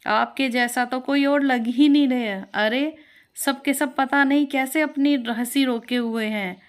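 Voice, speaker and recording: A woman's voice: sits high, unhurried, voice pushed up. Woman voicing a frank sister, teasing, half-laughing, storybook.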